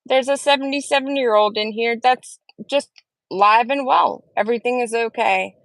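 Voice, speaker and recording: A woman hosts a casual live stream from home, chatting and earnestly answering viewers' comments as she reads them aloud. Her voice is on the high side, gravelly and a bit bright, at a moderate pace, with no room sound.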